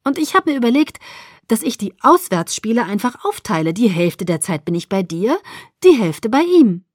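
A woman voicing a doting, chatty middle-aged mother who gushes excitedly in a higher, livelier voice. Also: no room sound, studio quality. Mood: cheerful. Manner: gushing, rapid, excited chatter.

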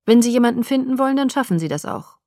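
A woman's voice: on the high side, lively intonation, quick pace, dark tone, no room sound, clean studio sound, pitched above the performer's own voice. A woman reading a self-assured young vampire man. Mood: confident. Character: confident young male vampire, calm planner.

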